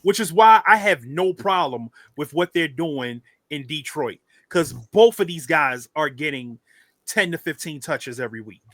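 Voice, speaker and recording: Casting: man, co-host, emphatic and repetitive, bright forceful tone, dry close sound. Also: a little high, unhurried, dry recording. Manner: animated, emphatic, swearing, repeats phrases. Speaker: podcast co-host. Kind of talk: casual sports chat.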